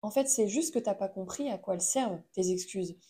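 Chatty French woman, mellow voice. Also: mid-range voice, brisk. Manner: chatty, frequent fillers, addresses listener directly. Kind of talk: casual motivational talk.

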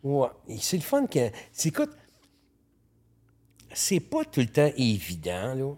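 A man in his late fifties with a Quebec French accent tells his stories in casual, lively interview chat. He swears freely, stumbles into quick restarts, and speaks at an ordinary middle pitch. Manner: animated storyteller, frequent swearing and stammered restarts. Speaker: photographer guest.

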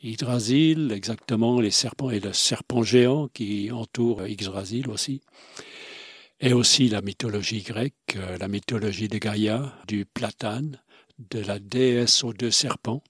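A man's voice: fairly low pitch, a little slow, husky, dry recording, clean studio sound. A man telling travel stories as a guest, enthusiastic and expansive, with frequent hesitations. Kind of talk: conversational storytelling.

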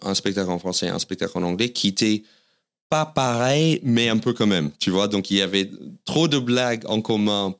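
A man's voice: on the low side, normal speed. A man with an American accent, whose first language is English, speaking French as a comedian guest on an interview podcast and telling his stories in a self-deprecating way. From United States.

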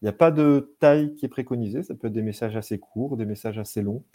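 Game designer guy chatting, mellow voice, excited, keeps tripping over his words. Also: medium pitch, fast. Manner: enthusiastic, restarts and repeats words. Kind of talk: casual chat.

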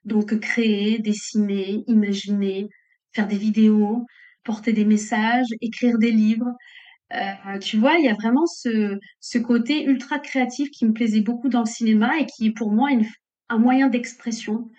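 A woman's voice: fairly high pitch, steady tone, unhurried, darkish tone. A middle-aged woman entrepreneur speaking reflectively and earnestly as an interview guest. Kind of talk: casual interview conversation. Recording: muffled lo-fi audio.

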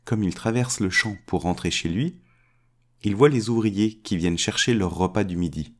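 A man reading a fairy tale aloud as a storyteller, changing his pitch to give each character a voice. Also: moderate pace.

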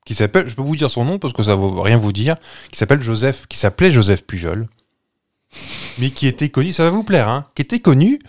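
A man's voice: mid-range voice, very animated, fairly quick, darkish tone. A man hosting a casual podcast chat, hesitant with fillers, teasing out clues. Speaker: podcast host running a quiz. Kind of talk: casual chat, guessing game.

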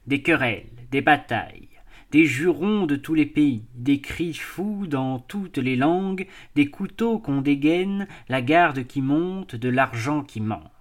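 A man narrating a classic novel as an audiobook, with a measured, expressive reading. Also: a little high. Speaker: audiobook reader. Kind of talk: scripted narration.

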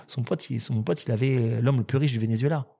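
A French man telling long stories in a relaxed conversation. He talks fast and rambles, restarting his sentences as he goes. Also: medium pitch, gravelly, husky. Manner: rambling, animated storyteller with many restarts. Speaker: restaurant owner and guest. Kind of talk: casual storytelling chat.

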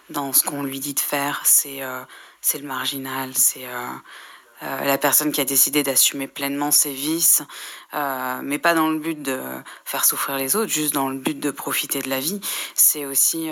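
A woman sharing a reflective personal testimony, speaking hesitantly and filling her pauses with many "euh"s. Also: deep voice, a bit bright. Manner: hesitant, full of "euh" fillers.

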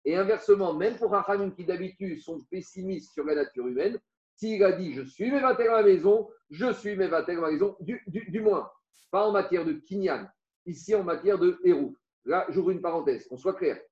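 High-voiced man teaching a Talmud class. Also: moderate pace. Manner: animated explaining, rhetorical questions, Aramaic terms in his French. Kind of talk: Talmud class lecture to students. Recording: roomy, dull lo-fi class recording.

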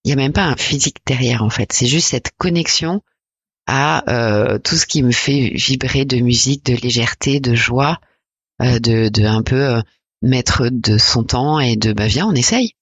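A woman in her forties from France, a podcast guest talking reflectively and hesitantly about her life, with many pauses and fillers. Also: extremely low pitch, slightly rough, no echo, dull audio. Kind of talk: personal interview conversation.

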